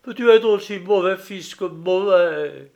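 A man reading an audiobook, voicing a stern, dignified old father who speaks gravely and formally. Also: high voice, unhurried, darkish tone, pitched above the performer's own voice. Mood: indignant.

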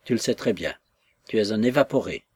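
A man's voice: on the low side, animated, a little mellow, husky, no room sound. A man voicing a blunt, simple old woman telling fortunes. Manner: blunt, slow.

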